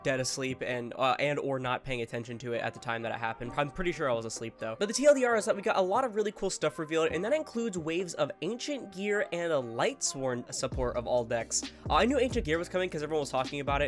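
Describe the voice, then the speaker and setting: A man with a congested, nasal voice from a head cold, giving rambling, casual video commentary, correcting himself as he goes and swearing now and then. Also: on the high side. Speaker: card game YouTuber.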